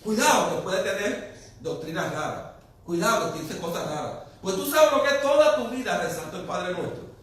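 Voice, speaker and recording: Man preaching, high voice, goes quiet then loud, asks the crowd stuff, far off mic in a really echoey room. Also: normal speed. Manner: animated preaching with rhetorical questions to the congregation; swings from low and quiet to loud and emphatic. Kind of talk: sermon.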